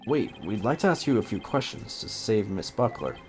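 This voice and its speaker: Man reading as cheeky young female lawyer, eager, low-pitched, lively swings, game dialogue, faint music. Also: normal speed. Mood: earnest. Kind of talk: video game dialogue read aloud.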